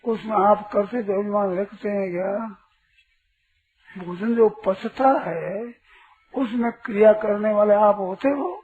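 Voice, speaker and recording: A man's voice: high-pitched, a little slow. A man giving a spiritual discourse to an audience as a teacher, asking rhetorical questions and sternly correcting a questioner. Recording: tinny lo-fi recording with faint hiss.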